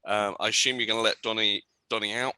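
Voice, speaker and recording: A man running a tabletop game as game master, relaxed and full of ums as he describes scenes and rules on rolls. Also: lowish voice, fast talker, smooth, dry recording.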